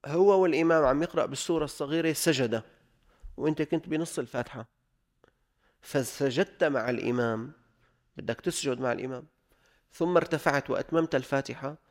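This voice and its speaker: A man teaching religious law, reading the text and then explaining it in colloquial speech, repeating examples slowly. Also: mid-range voice.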